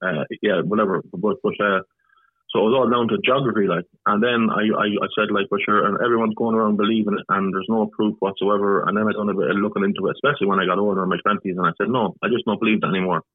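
Sex: man. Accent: Irish. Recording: tinny phone line, husky. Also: on the low side, fairly even intonation, racing, no room sound. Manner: blunt, swears, repeats words. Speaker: podcast guest. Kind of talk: casual conversation.

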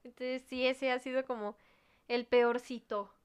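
Young Mexican woman, podcast co-host, crisp voice a touch high, slangy storyteller. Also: measured pace, no room sound, studio quality. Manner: animated storyteller, peppers speech with slang and swearing. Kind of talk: casual chat.

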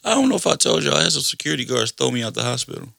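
A mid-pitched man with a lively, gravelly voice banters casually as co-host. The sound is dry and close, with nothing roomy around it. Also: very fast. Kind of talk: casual chat.

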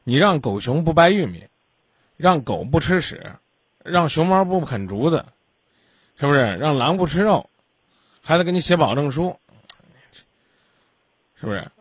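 Husky guy on a radio advice line, blunt and scolding, voice swings up and down a lot. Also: on the high side, sing-song, moderate pace, pauses often, no echo, clean studio sound. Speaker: radio call-in advice host.

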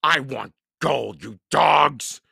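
A man's voice: mid-range voice, very slow, creaky, sharp tone, breathy edge, no room sound, clean studio sound, pitched above the performer's own voice, full character voice. A man voicing a huge, mean, bullying pirate captain in a storybook, with a growling, roaring, commanding delivery. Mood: greedy.

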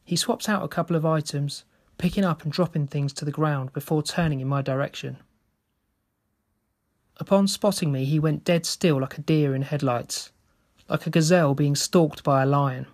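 Man reading a story, slightly higher voice. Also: normal speed, a little mellow. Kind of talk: first-person story narration.

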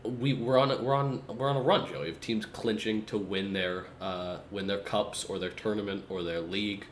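Excitable man co-hosting a casual podcast, speaking in a somewhat low voice and teasing his partner. He sits on a video call, with a faint hiss of room ambience behind him. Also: normal speed. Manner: excitable, teasing, calls his co-host by name often. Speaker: podcast co-host. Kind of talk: casual chat.

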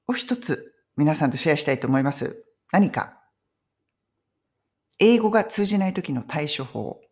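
Lively woman teaching English conversation. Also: on the low side. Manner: lively, emphatic, friendly teaching tone. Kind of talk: casual video lesson. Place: home in London.

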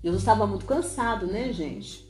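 A woman's voice: medium pitch, expressive, normal speed, a little mellow, echoey room. A woman leading a prayer and Bible study, earnest and repeating her phrases, often checking in with her listeners.

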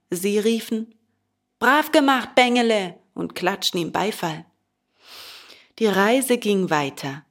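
A woman reading a children's storybook aloud, slow and expressive. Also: medium pitch. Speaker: narrator.

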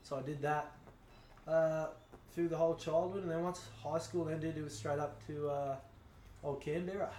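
A man's voice: a little high, fairly even intonation, normal speed, darkish tone, echoey room, a little hiss or hum. An Australian man in his twenties, a rugby league player, chatting easygoing about growing up. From Snowy Mountains, Australia. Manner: laid-back, easygoing, says mate and man a lot. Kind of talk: casual interview chat.

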